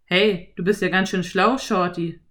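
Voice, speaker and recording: Woman doing a loud easygoing cowboy. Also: on the low side, fairly even intonation, unhurried. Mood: self-assured. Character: lanky friendly adult male cowboy, easygoing. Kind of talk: audiobook character voice.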